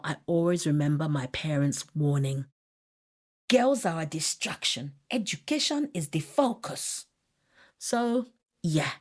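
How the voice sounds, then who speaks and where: A woman narrating a first-person memoir audiobook, expressive, lifting her pitch at tense moments and laughing softly now and then.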